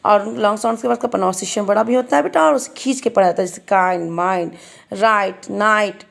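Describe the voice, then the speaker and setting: Indian woman teacher with slightly gravelly voice. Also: fairly high pitch, very fast. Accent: Indian English. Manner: spells words letter by letter, calls children "beta". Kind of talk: classroom phonics lesson.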